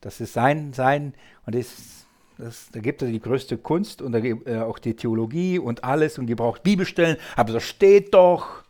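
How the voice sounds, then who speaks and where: A man's voice: mid-range voice, moderate pace, a little mellow. A man preaching a Bible teaching sermon, emphatic and full of rhetorical questions.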